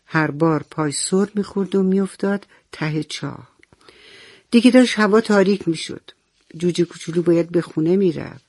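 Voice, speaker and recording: Children's story narration, gravelly voice, dry close sound, talks to the kids with questions. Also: medium pitch, a little mellow, dry recording. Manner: speaks directly to children with questions.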